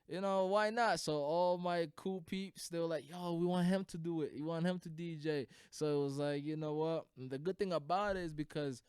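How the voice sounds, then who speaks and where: A man's voice: on the high side, a little mellow, clean tone, no echo, studio quality. A young man from Burundi, a guest DJ, talking in a laid-back, slangy way with plenty of "man" and "you know.". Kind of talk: casual podcast interview.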